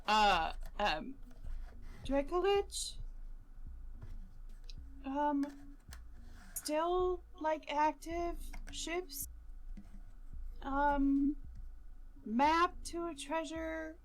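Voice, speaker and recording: High-voiced, slow-speaking woman at a tabletop game. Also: expressive. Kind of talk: casual chat and role-play.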